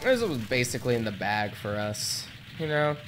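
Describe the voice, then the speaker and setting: A man's voice: mid-range voice, very animated, moderate pace, music in the background. A man giving casual, self-deprecating commentary while he plays a video game, muttering at the game as he goes. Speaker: let's play gamer.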